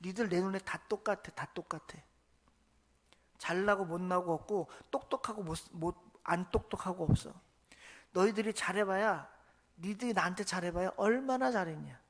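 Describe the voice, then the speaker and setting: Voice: mid-range voice, normal speed, close to an everyday voice. A preacher voicing Jesus as a blunt, slangy teacher scolding his bickering disciples.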